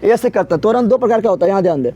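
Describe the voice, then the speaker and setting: A man's voice: high voice, expressive, racing, dark tone, dull audio. A man teaching an exam-prep physics lesson in a casual, colloquial way. He keeps asking a question and then answering it himself, repeating the key terms. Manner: casual, colloquial, addresses students directly.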